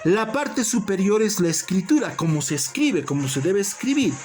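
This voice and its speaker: A language teacher giving a recorded lesson, speaking deliberately, repeating key terms and calling the listeners brothers and colleagues. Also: mid-range voice, big pitch swings, darkish tone, soft background music.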